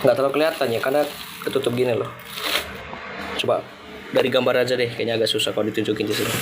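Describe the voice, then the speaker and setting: A man's voice: medium pitch, little pitch movement, racing, background noise. Chatty man. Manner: chatty, loose, mixing in English thanks. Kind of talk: casual live-stream chat.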